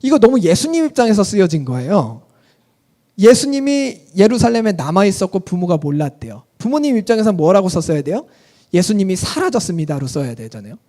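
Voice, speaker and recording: Male pastor, animated sermon with a bouncing delivery, questions the congregation. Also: high voice, brisk. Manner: lively storytelling, asks the audience questions.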